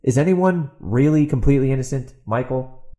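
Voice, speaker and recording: Speaking at normal speed in a warm, mid-range voice, a male podcast host and author launches into an improvised opinion rant. Exasperated and sarcastic, he hammers points through repetition and aims rhetorical questions at someone who isn't present.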